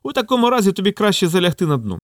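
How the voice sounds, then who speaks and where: A man's voice: high voice, very animated, rapid-fire, no echo, studio quality, voice pushed up. A man voicing a cunning male wolf in a storybook, with a silky, coaxing manner. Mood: sly. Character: sly smooth-talking male wolf, cunning.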